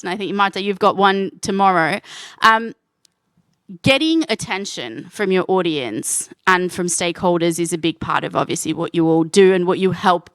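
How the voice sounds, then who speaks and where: A panel host and moderator introduces guests and asks them questions at a convention, full of upbeat enthusiasm. She speaks at a medium pitch with a fairly bright tone, and there's no echo.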